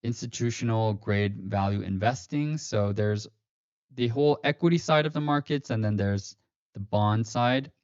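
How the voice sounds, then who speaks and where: The host of this finance livestream is a man whose fairly low, somewhat mellow voice moves at a moderate pace with a clean tone. He speaks casually, full of fillers and self-corrections, and his stream voice sounds slightly robotic. The streaming mic yields dull, lo-fi, dry audio.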